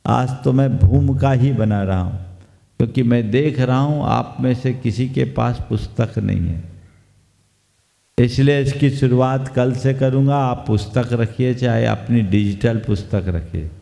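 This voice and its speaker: A male monk delivers a sermon at a slow, deliberate pace, stopping to quiz his audience. His voice is dark and gravelly. It rings out with a long reverb in a hall. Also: medium pitch. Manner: slow, teacherly, quizzes the audience. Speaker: Jain monk preacher. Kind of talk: sermon discourse.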